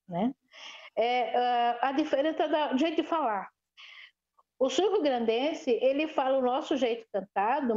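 A woman from Sorocaba with a sing-song São Paulo interior caipira accent, her voice pitched fairly high yet mellow and soft in tone. She talks freely in an interview, animated, stumbling through fillers and restarts as she thinks aloud. The recording sounds dull and lo-fi. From Sorocaba, São Paulo state, Brazil. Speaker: historian interviewee. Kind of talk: casual interview.

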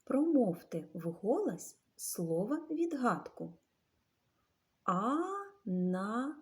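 A woman teacher guides young children through a literacy lesson, speaking slowly and breaking words into syllables. Her pitch rises and falls in a lively, animated way.

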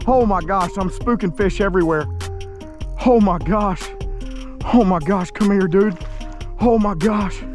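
Excited man narrating from a kayak. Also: high voice, unhurried, pauses often, soft background music. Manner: exclaims loudly while fighting fish. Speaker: fishing video host. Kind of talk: excited fishing vlog commentary. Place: kayak on open water outdoors. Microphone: action camera on kayak.

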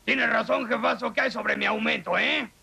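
A man voicing a whining, dim henchman with a raspy, gravelly voice in a cartoon dub. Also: extremely high pitch, steady tone, normal speed, sharp tone, full character voice. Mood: whiny. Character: whiny dim male henchman.

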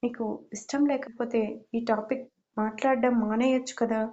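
Woman reading a teary young woman begging, soft mellow voice. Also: on the high side, fairly even intonation, moderate pace, muffled recording, lightly acted. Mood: pleading. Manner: pleading, upset. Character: tearful young woman pleading with family.

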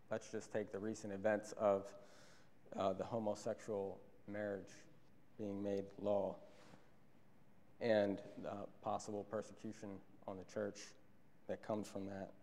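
A man's voice: fairly low pitch, a little mellow, slight background noise. A young man preaching a sermon from a church pulpit into a stand microphone, earnest and repeating key phrases for emphasis. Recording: long church hall reverb.

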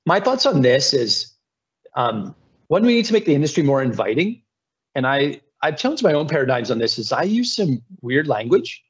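Husky-voiced man moderating a video call. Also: mid-range voice. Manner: reflective, conversational, repeats words when starting. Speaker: panel moderator. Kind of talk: video call panel discussion. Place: indoors, home office. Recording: dull lo-fi video call audio.

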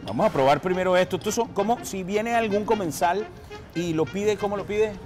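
A man's voice: sits high, a little fast. A middle-aged man hosting a travel show on location, playful and flirtatious, talking straight to the viewers. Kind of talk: lively on-location presenting. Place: outdoor marketplace and open-air bar. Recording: loud music behind.

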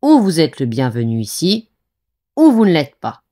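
A woman's voice: low voice, huge pitch swings, moderate pace, mellow, heavily acted. Woman doing a pompous bow-tied elephant. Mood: haughty. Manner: stiff and condescending.

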